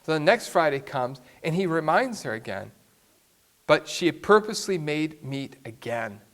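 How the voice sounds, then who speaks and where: A man's voice: fairly high pitch, very animated, normal speed, a bit bright. A man, a priest, telling a story in a sermon with an emphatic way of speaking.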